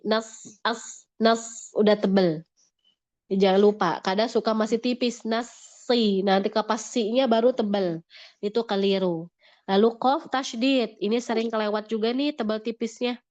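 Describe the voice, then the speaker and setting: A woman's voice: a little high, a little mellow. A woman teaching Quran recitation in an online class, patiently modelling each sound and repeating corrections. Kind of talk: online tajwid lesson.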